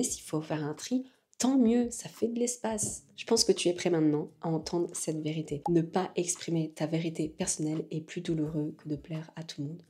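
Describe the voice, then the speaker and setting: Low-voiced, mellow woman, earnest motivational creator talking to camera. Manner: earnest, speaks straight to the viewer, mixes in English phrases. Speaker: spiritual self-development creator.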